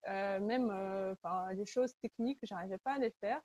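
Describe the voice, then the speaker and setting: In this webinar presentation, a Salesforce consultant from Kazakhstan speaks earnestly and conversationally, often searching for what to say. Her mid-range, darkish voice keeps a normal speed, recorded with no echo.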